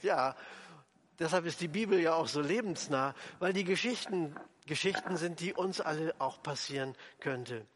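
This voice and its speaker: A man preaching a sermon, animated, acting out quoted voices and dropping low and soft for emphasis. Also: big-room sound, slight background noise.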